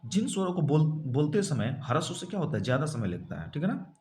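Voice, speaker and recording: A man with a fairly high, animated voice leads an exam-prep grammar lesson. He walks through each point step by step, asking questions and then answering them himself. The sound carries a noticeable room echo. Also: fairly quick, slight background noise. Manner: explains step by step, asks and answers his own questions. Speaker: teacher.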